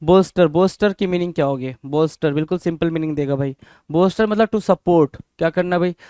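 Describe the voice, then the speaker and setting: A man runs an exam-prep vocabulary lesson, firing rhetorical questions at students and drilling each word. His voice sits high and comes across smooth and resonant. The recording is close and dry. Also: brisk, a little mellow, no room sound. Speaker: vocabulary teacher.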